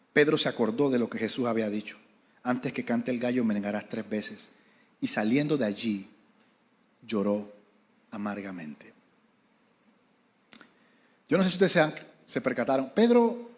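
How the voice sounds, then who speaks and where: A man with a Panamanian Spanish accent, a pastor preaching a sermon, retelling scripture dramatically and often asking the audience questions. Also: medium pitch.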